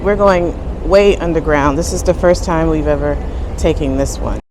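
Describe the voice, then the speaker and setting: A woman's voice: low voice, moderate pace, heavy background noise. A woman vlogging while travelling, chatting casually to a handheld camera as she walks through busy public places. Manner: chatty, upbeat commentary while walking. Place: outdoors and in public transport, on the move.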